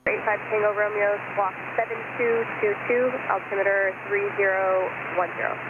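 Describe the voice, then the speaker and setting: A man's voice: high voice, flat delivery, normal speed. A man working as an air traffic controller gives procedural instructions over aviation radio. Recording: tinny radio with clear noise.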